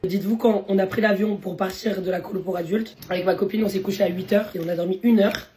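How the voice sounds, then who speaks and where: Young woman vlogger, hoarse voice, quick and chatty, slangy, mellow low-toned timbre, casual phone-to-camera delivery. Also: steady tone, soft background music. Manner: chatty, slangy, laughs often. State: hoarse, voice worn from talking. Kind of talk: casual chatty food vlog.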